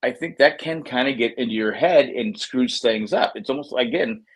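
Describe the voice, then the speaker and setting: Husky-voiced man rambling about baseball. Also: medium pitch, moderate pace, rough recording. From United States. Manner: rambling, repeats words, frustrated fan tone. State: has the hiccups. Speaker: co-host of a baseball podcast. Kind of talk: casual sports chat.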